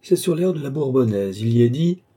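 A man's voice: mid-range voice, expressive, brisk, warm tone, husky, voice pushed up. A man voicing a courtly, sly old male duke who teases with mock politeness. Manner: gallant, teasing, mock-polite.

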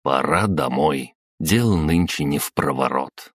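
Deep-voiced male audiobook narrator, dry sound. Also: animated, unhurried, fairly bright tone, no echo. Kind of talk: first-person audiobook narration.

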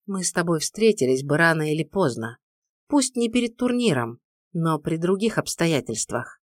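A woman voicing a powerful male mage who speaks calmly with a steely, challenging edge. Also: low voice, moderate pace, no echo, clean studio sound.

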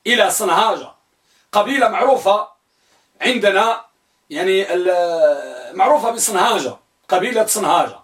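A man teaching an Arabic grammar lesson. He quizzes his students and spells each word form out slowly, repeating it. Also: sits high, expressive, fairly bright tone, echoey room, recorded from a distance. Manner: asks the students questions and answers them himself.

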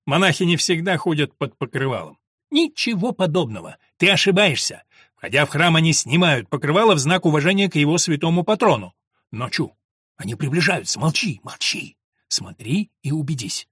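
A man's voice: on the high side, very animated, brisk, fairly bright tone, slightly rough, no echo, studio quality, heavily acted. A man voicing a worldly young courtier who teases his friend knowingly, in an audiobook. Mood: teasing.

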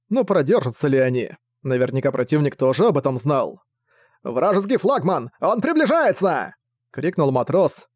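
A man reading a novel aloud as narrator, in a steady, measured way. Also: on the high side, no echo.

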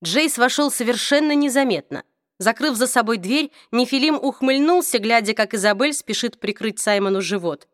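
A woman narrating a novel in a steady, even reading voice. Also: on the high side, normal speed, dry recording, clean studio sound. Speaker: audiobook narrator. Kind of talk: scripted narration.

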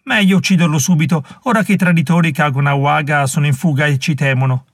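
A man's voice: on the high side, fairly even intonation, fast talker, dry recording. A man reading an audiobook voices an angry, vengeful male Mohawk warrior who speaks aggressively. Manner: aggressive, hot-headed.

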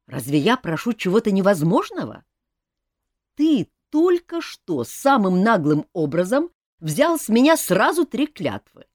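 A woman's voice: medium pitch, very animated, unhurried, darkish tone, no echo, studio quality, voice pushed up. A woman reading an audiobook, voicing a sardonic young king who needles his cousin dryly and insistently.

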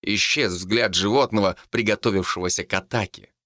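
A man narrating an audiobook with expressive storytelling. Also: fairly low pitch, fairly quick, no room sound, clean studio sound.

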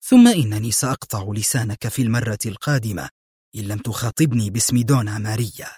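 A man voicing a cunning female crime boss, soft-spoken but menacing, in an audiobook reading. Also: fairly low pitch, animated, fast, slightly rough, no room sound, clean studio sound. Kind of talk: audiobook narration.

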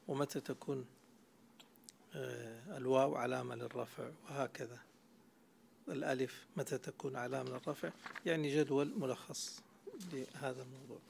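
A man's voice: mid-range voice, vocal fry, a little hiss or hum. A man teaching Arabic grammar in a classroom lecture, explaining step by step and quizzing his students.

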